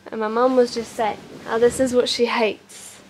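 A woman's voice: a little high, flat delivery, moderate pace, long reverb tail, a little hiss or hum. A woman vlogging casually as she gives a house tour, chatty and gushing. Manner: chatty, gushing, says "so cool" often. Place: indoors at a house.

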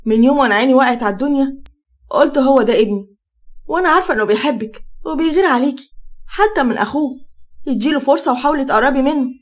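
A woman with an Egyptian accent voicing a caring, reassuring middle-aged mother in an animated story. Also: high voice, fast, lightly acted. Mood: soothing. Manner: soothing, coaxing.

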